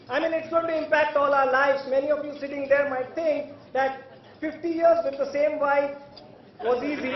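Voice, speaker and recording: Very high-pitched man speaking in an echoing hall. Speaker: conference keynote speaker. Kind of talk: podium speech to an audience. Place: large event hall. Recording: echoey hall, distant mic, muffled.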